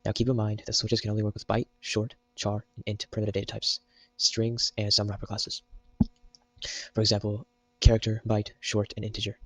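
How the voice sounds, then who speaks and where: A man's voice: lowish voice, completely flat delivery, fairly quick, a bit bright, no room sound, rough recording. A young man giving a casual, joke-filled programming tutorial while typing at his computer. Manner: jokey, meme-filled explaining. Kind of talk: casual screen-recorded coding tutorial.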